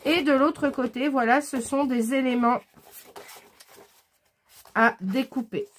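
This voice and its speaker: With a high-pitched voice and fairly even intonation, a woman casually presents her scrapbooking finds in a haul video. She's enthusiastic yet hesitant, frequently filling gaps with "euh."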